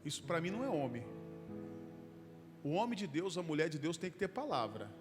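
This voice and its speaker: A middle-aged man preaches in a church, spinning an anecdote and calling out to the brethren. His voice sits fairly high for a man. Music plays underneath, and his words trail off in the long reverb of the hall. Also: a little fast. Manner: lively anecdotal, addresses listeners as brother. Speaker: pastor. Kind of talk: storytelling sermon.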